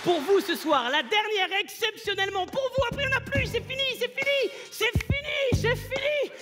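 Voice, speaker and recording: Someone putting on a shrieking high stage announcer. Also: normal speed. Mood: gushing. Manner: over-the-top, repeats lines in mock sobs. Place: theatre stage before a live audience. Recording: loud crowd and music. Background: cheering crowd, loud music.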